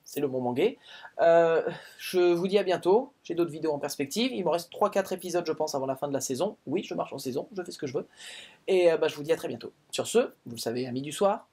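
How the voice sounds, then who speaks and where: A man's voice: on the high side, animated, fast, a little mellow, slightly rough. A man hosting his own review show, talking casually to his viewers and hesitating often on "euh". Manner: chatty, filler-heavy, with frequent "euh" hesitations. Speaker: film and series critic, show host. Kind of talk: casual talk to the camera.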